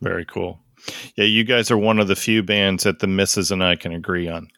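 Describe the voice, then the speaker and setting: Lowish-voiced man hosting a casual podcast. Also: steady tone, a little fast, bright, forceful tone, no echo, studio quality. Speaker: podcast host. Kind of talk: casual interview chat.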